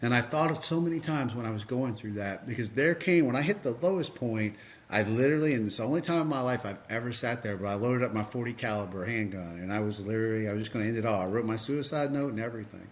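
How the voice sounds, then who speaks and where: A man's voice: mid-range voice, fast talker. A man, a podcast guest and coach, tells a personal story earnestly, with lots of fillers and restarts.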